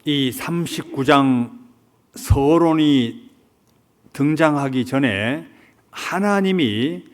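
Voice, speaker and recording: A man's voice: a little high, lively intonation, extremely slow. A man preaching a Sunday sermon as pastor in a church, retelling a story and asking his listeners questions. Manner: retells a film story, asks the congregation questions. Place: church sanctuary.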